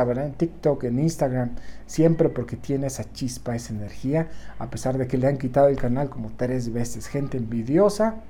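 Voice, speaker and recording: A man's voice: on the high side, dark tone. A Mexican man talking casually and encouragingly to his viewers, often tagging his sentences with a questioning "right?". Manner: keeps adding a questioning "right?" tag; encouraging, talks straight to the viewer. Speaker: motivational vlogger. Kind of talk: casual motivational monologue.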